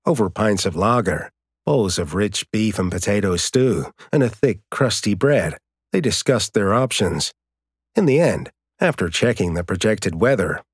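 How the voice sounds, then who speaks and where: A man narrating an audiobook in a steady, measured way, recorded close on a studio mic. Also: fairly low pitch, husky, no room sound. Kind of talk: scripted narration.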